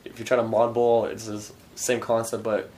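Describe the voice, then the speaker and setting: A man's voice: on the low side, monotone, moderate pace, darkish tone. A young man giving an informal, enthusiastic product review as casual chat, picked up by a camera a few feet away indoors. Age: young adult. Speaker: hookah reviewer. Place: garage workshop, indoors. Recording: faint background room noise.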